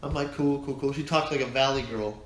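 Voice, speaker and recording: A man's voice: mid-range voice, brisk, a crowd in the background. A man, co-hosting a podcast, telling a long, rambling story in casual chat with many restarts. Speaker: podcast co-host. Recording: echoey room, faint noise.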